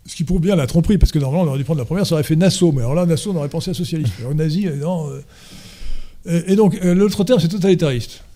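A man lecturing at a conference, his voice sitting a little high yet mellow and soft-edged. He stalls on fillers and repeats words while hunting for phrasing. Then he presses his points with emphatic, insistent stress. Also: very fast. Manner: hesitant, many fillers and restarts, emphatic lecturing. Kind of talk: lecture and audience Q&A.

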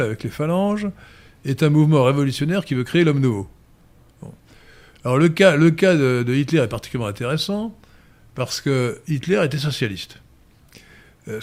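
A man's voice: medium pitch, a little mellow. Hesitant lecturing man. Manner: lecturing, many hesitations, emphatic. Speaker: guest commentator. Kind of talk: political discussion.

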